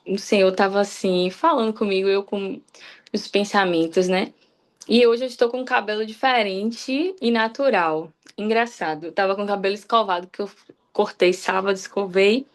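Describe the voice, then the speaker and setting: A young woman from Salvador, Bahia, giving a personal devotional talk on a church livestream, speaking candidly and often restarting her sentences. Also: medium pitch. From Salvador, Bahia, Brazil. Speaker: guest preacher on a church livestream.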